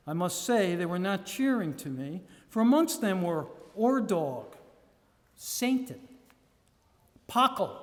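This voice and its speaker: In an echoey hall with long reverb, a high-pitched man gives a live public reading from a gothic novel's journal. His delivery is theatrical and measured, with dramatic pauses.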